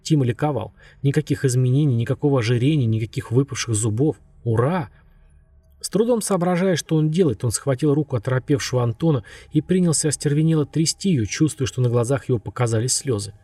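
A man with a husky voice narrating a story in a steady, measured way. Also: mid-range voice, no echo. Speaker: audiobook narrator. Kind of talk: scripted narration.

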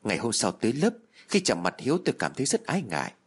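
A man's voice: medium pitch, huge pitch swings, fast, breathy edge. A man narrating a spooky first-person horror story in a tense, dramatic storytelling manner.

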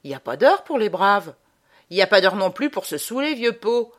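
A woman voicing a big, hot-tempered brothel woman from a storybook, loud, coarse and scolding. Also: medium pitch, takes it slowly. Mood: mocking.

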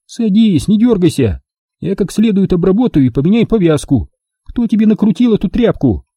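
A sharp-tongued woman snaps and scolds in a high, lively voice, as a male audiobook reader puts her on. The tone stays dark and a little husky. The recording is close and dry. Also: moderate pace, no room sound, full character voice. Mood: bossy. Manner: shrill, mocking, bossy. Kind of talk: audiobook character voice.

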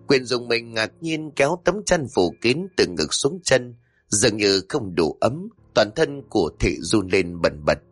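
A man narrating a horror story in a suspenseful, measured way. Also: on the low side, sing-song, husky.

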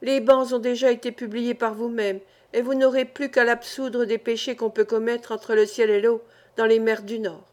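A woman voicing a vigorous, cheerful old male sailor in his sixties, talking in loud, excited exclamations. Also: on the high side, moderate pace, natural voice. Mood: jubilant.

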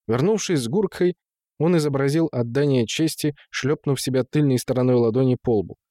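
A man narrating an audiobook in an even, unhurried reading on a close microphone. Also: medium pitch, no room sound. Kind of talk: scripted narration.

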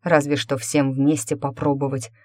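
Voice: mid-range voice, flat delivery, moderate pace, a little mellow, natural voice. A reader voicing a grim male werewolf warrior who speaks gloomily and bluntly.

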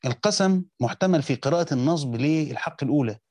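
A man's voice: fairly high pitch, animated, quick pace, a little mellow, slightly rough, no room sound. A man with an Egyptian accent, reading passages from a classical commentary and explaining them in a teaching style, often breaking off and restarting mid-phrase. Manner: reads quoted text then explains in colloquial speech, with frequent restarts. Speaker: teacher of Quranic exegesis.

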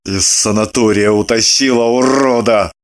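A voice playing a fastidious, squeamish middle-aged husband in a storybook reading, snapping clipped, grudging retorts. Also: male voice, on the low side, fairly even intonation, lightly acted. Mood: irritated. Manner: sharp, clipped retorts through gritted teeth.

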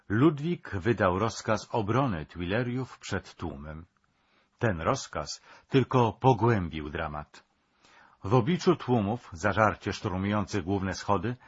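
A man reading a scripted history documentary narration in a measured, dramatic storytelling manner. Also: lowish voice, breathy edge. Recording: dull lo-fi sound.

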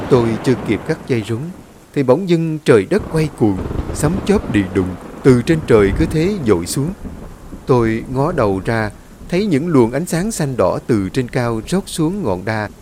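A man reading a horror story aloud in a dramatic, expressive way. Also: medium pitch, slight background noise. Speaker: story narrator. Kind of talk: scripted horror story narration.

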